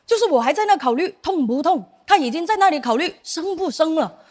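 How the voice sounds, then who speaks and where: A woman's voice: very high voice, lively intonation, brisk, darkish tone. A young woman performing a stand-up set, telling stories and acting out the lines of the people in them. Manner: storytelling with acted-out dialogue. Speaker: stand-up comedian.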